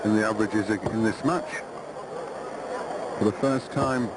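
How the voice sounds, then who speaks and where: A man's voice: fairly low pitch, unhurried. A man giving live television commentary on a darts match. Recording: noisy broadcast over loud crowd. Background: loud darts crowd.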